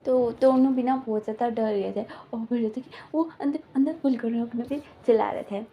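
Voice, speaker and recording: A woman's voice: on the high side, fairly even intonation, a little fast, muffled recording, a little hiss or hum. A woman casually retelling a fan story in a rambling, filler-heavy way, slipping into quoted lines.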